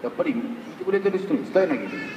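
Animated man telling stories in an echoey hall. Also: rapid-fire, highs cut off. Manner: chatty, storytelling, lively pitch swings. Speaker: voice actor guest at a talk show. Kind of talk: casual stage talk. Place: live event venue. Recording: echoey hall, far from the mic, faint hiss.

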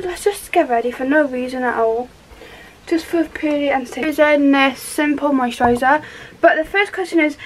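A Welsh teenage vlogger chats to the camera while doing her makeup in a small bedroom, rambling cheerfully in a casual get-ready-with-me style. Her voice is high-pitched, and the recording is rough with slight background noise.

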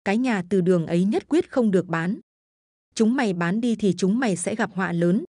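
A fierce old village grandmother scolds her children in a shrill, cutting voice, as a woman storyteller puts her on. The recording is dry and close, with no room sound. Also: lively intonation, brisk, mellow, no echo. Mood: scolding.

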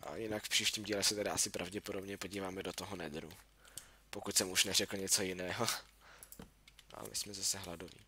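A young gaming YouTuber, his voice low-pitched, level, and sharp, casually comments on his own let's-play, talking to himself and yelping when startled. Keyboard and mouse clicks come through clearly beneath his voice, along with slight background noise.

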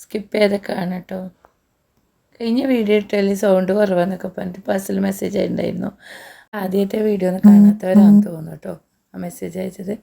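A woman's voice: mid-range voice, flat delivery, fast talker, vocal fry, dark tone. A woman, short of breath, chatting homely through a casual cooking vlog. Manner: chatty, homely, frequent tag particles. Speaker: cooking vlogger.

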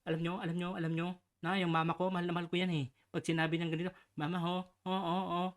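A man's voice: fairly high pitch, flat delivery, very fast. A man giving casual, teasing reaction commentary with sarcastic asides. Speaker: online commentator.

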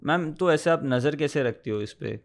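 A man's voice: a little high, lively intonation, moderate pace, creaky. A man in a student role, politely asking his mentor questions and giving short, deferential replies. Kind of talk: conversational Q&A.

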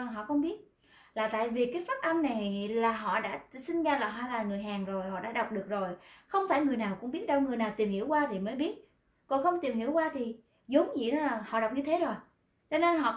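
A woman teaching a pronunciation lesson, patiently explaining step by step and repeating her examples. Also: a little high. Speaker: Korean language teacher. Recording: roomy echo.

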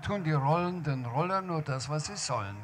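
Brief: an author reading a shy, polite storybook gentleman, mild and modest. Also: on the high side, lively intonation, moderate pace, a little hiss or hum, lightly acted. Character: modest, courteous grown-up male lodger.

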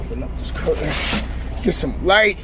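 His voice sits a little high over a noisy background. He's a truck driver in his thirties, vlogging casually from his sleeper cab and taking his time as he walks viewers through a workout on the bunk, recorded on a phone camera standing nearby.

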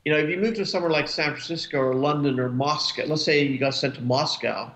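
Speaking at a quick pace, this forties-aged cartoonist guest has a slightly high, fairly bright voice. He rambles casually from a room at home, restarting often and leaning on fillers, and his webcam call audio comes across dull and roomy.

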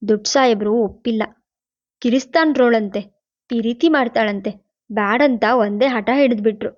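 A talkative older village maid, as a woman narrator puts her on, spilling household gossip in rustic dialect. Her voice sits fairly high, and the recording sounds somewhat dull. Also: moderate pace, darkish tone, lightly acted. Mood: gossipy. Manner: rustic dialect, chatty and confiding.

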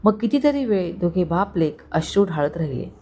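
A woman storyteller narrating a romantic family story in a calm, steady reading voice. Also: on the low side, moderate pace, slightly rough.

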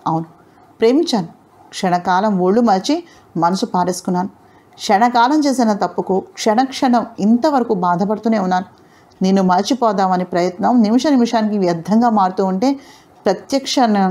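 A woman voicing a proud, defiant young heroine in an audio novel. She speaks in heated, scolding lines that climb in pitch. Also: moderate pace, mellow, natural voice. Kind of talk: audio novel character reading.

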